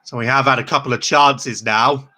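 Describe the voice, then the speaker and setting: Bright-voiced man chatting over a live match. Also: medium pitch, fairly even intonation, moderate pace. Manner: chatty and rambling, laughs often. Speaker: host reacting to a live football match. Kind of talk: casual live match commentary.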